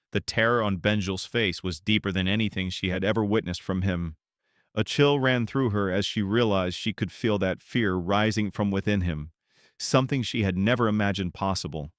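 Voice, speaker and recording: Low-voiced man narrating a comic recap. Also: moderate pace, a bit bright, dry recording, studio quality. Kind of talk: scripted story recap narration.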